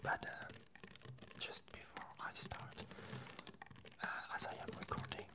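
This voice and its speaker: Ice cubes clink behind a whispering woman, an ASMR video creator and host, who gives a relaxed update in brief, broken phrases separated by pauses.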